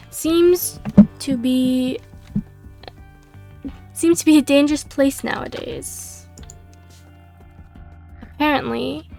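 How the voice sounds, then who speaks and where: A woman with a slightly high, darkish voice and some vocal fry reads a female monster hunter adventurer's lines in her own plain voice. Her voice is slightly giving out as she goes.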